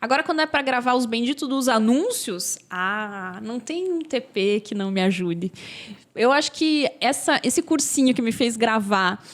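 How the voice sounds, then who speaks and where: A Brazilian woman in her thirties, a podcast guest who tells her stories in an animated way and laughs often. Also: on the high side, moderate pace. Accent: Brazilian Portuguese. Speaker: podcast guest, labor lawyer. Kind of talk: casual podcast chat.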